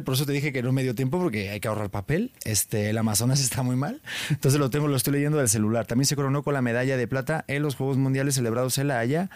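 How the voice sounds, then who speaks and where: Casting: Spanish-accented male podcast host, playful and teasing, mid-pitched, dry studio sound. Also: a little mellow, no room sound. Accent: Spanish from Spain. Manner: playful, laughs often, reads notes aloud. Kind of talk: casual interview chat.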